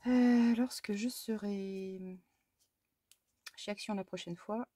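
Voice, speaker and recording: A woman's voice: medium pitch, fairly even intonation, takes it slowly, mellow, no echo. A woman from France chatting casually as she works on a scrapbook, muttering to herself, exclaiming at small mishaps and talking fondly to her cat. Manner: talks fondly to her cat between steps. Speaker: scrapbooking crafter. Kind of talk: casual crafting vlog chat.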